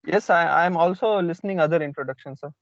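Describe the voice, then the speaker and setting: A man's voice: fairly high pitch, fast, no room sound. A man with an Indian accent introducing himself in an online class as a research student, hesitant and deferential. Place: in a car outside a hospital. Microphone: online call. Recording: dull lo-fi online call audio.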